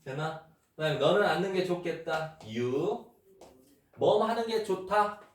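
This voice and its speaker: A man teaching English grammar to children, explaining step by step and repeating example phrases slowly. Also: fairly high pitch, lively intonation. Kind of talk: unedited grammar lesson for children. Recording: echoey room, mic far off, faint noise.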